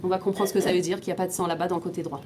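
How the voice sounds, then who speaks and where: With a fairly low pitch and flat delivery, a woman speaks very fast over background noise while teaching an informal class. She goes step by step, asks her students questions, often restarts and repeats words, and mixes in Hebrew terms.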